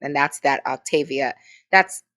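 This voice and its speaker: A woman's voice: rumbling low, a little slow, fairly bright tone. A woman co-hosting a podcast in casual chat, emphatic, with frequent restarts and asides. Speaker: podcast co-host.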